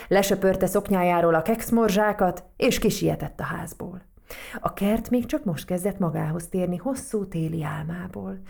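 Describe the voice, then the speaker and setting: A woman narrating a children's story aloud in a gentle, expressive way. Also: lowish voice, creaky.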